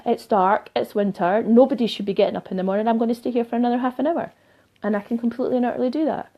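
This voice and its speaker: A woman's voice: fairly high pitch, a little mellow. A woman life coach giving a live motivational talk to viewers, emphatic and fond of repeating phrases for effect.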